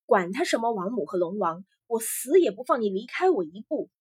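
A woman's voice: a little high, big pitch swings, fairly quick, a little mellow, husky, heavily acted. A woman doing a devoted young fisherman. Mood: determined. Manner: firm, determined.

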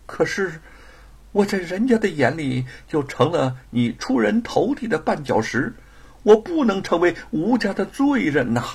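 A man voicing a gentle, self-blaming young wife who pleads through tears in a gravelly, husky voice. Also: big pitch swings, unhurried, exaggerated voice. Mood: tearful. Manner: pleading, sobbing high tones.

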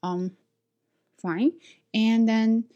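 With a slightly high, warm, steady voice and drawn-out words, a young Chinese woman with a Chinese accent shares stories from her life as an English teacher. She restarts frequently and uses lots of filler words in this casual telling. The recording has its high frequencies cut off.

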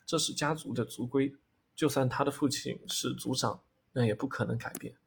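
A man narrating a fantasy novel as an audiobook, with a steady storytelling delivery. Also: medium pitch, moderate pace, gravelly, slightly rough.

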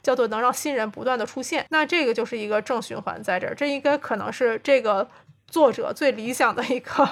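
A woman's voice: a little high, a little fast. A woman guest on a podcast, explaining thoughtfully in a casual interview, summarizing points and reading passages aloud. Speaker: guest, comics company founder.

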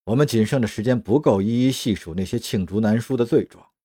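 A man voicing a young male fanatic assassin who speaks quietly and coldly. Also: on the low side, a little fast, slightly rough, dry recording, studio quality. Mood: cold menacing. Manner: quiet, cold, menacing.

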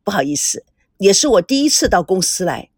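A woman's voice: medium pitch, very animated, fairly quick, darkish tone, slightly rough, dry recording, clean studio sound, pitched below the performer's own voice. A woman voicing a courteous young man from a wealthy family. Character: polite young rich man, modest and courteous.

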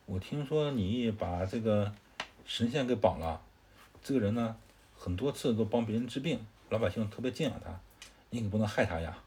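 A man voicing a worried elderly noble mother who pleads gently with her son. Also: on the low side, animated, normal speed, slight background noise, natural voice. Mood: pleading.

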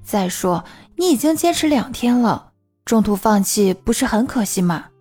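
Woman voicing a caring bossy classmate, kinda high voice. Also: lively intonation, moderate pace, darkish tone, slightly rough, faint music behind. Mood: coaxing. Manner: coaxing, firm.

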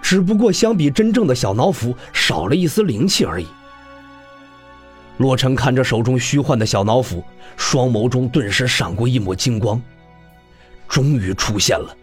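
A man narrating a serialized fantasy web novel in an animated storytelling manner. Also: mid-range voice, moderate pace, breathy edge, faint music behind. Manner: animated storyteller, rising and falling delivery. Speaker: audiobook narrator.

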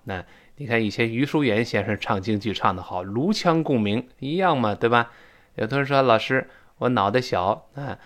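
A man teaching English pronunciation in a lively, joking way, demonstrating sounds aloud. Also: medium pitch. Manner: animated, jokey, demonstrates sounds. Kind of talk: lively spoken lesson.

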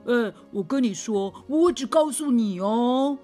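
A woman's voice: a little high, lively intonation, unhurried, warm tone, soft background music. A woman voicing a chatty, gossipy owl in a children's story with an exaggerated sing-song delivery. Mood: confiding.

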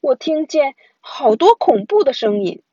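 A woman voicing a timid little boy who is easily scared in a storybook, talking in a hushed, whiny way. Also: high voice, big pitch swings, a little slow, no echo, muffled recording, pitched above the performer's own voice. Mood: anxious.

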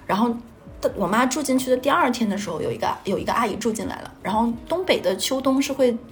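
A woman's voice: a little high, lively intonation, fast talker, slight background noise. A young woman from Northeast China, telling a personal story in a rambling way and stringing thoughts together with "and then". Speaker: podcast storyteller.

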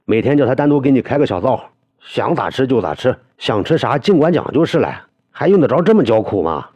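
A man doing a loud, fiery young man. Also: medium pitch, sing-song, brisk, husky, no room sound, voice pushed up. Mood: coaxing. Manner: loud, forceful, hard tone.

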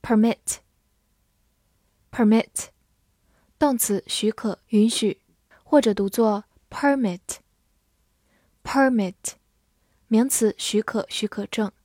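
A woman teaching English vocabulary in a scripted lesson. She says each English word twice, clearly, then explains it. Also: medium pitch, unhurried, a little mellow, no echo, clean studio sound.

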